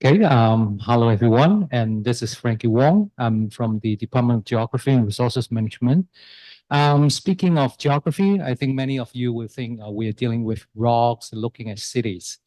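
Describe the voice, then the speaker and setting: A man's voice: mid-range voice, normal speed, dark tone, no room sound. A man who lectures in geography, introducing himself on a panel in an easygoing, conversational way.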